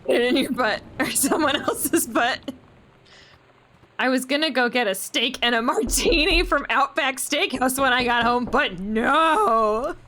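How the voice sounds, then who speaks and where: Giggly young woman streamer, high voice. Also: unhurried, sharp tone. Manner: joking, giggly, swears casually. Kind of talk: casual gameplay commentary.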